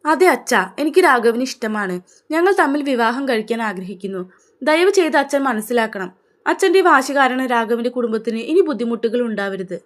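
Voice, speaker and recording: A woman's voice: on the high side, expressive, fairly quick, close to an everyday voice. A woman voicing a frightened but brave young daughter in a narrated story, speaking in an earnest, pleading way.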